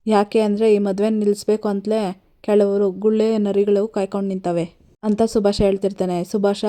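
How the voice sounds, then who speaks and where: Female storyteller, casual serial recap, mellow and flat. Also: medium pitch. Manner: steady retelling, "she says" framing.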